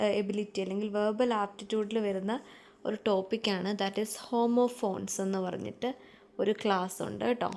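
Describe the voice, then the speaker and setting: Woman, Malayali accent, fairly high voice, patient exam-prep teacher, checks in with listeners. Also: darkish tone. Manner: explains step by step, often checking in with listeners.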